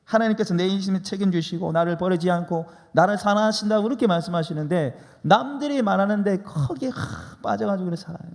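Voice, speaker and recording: A man's voice: high voice, fast talker, creaky, hardly any pauses, darkish tone. A man preaching a sermon as pastor, emphatic and leading the congregation in repeating lines. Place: church sanctuary. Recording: long church reverb.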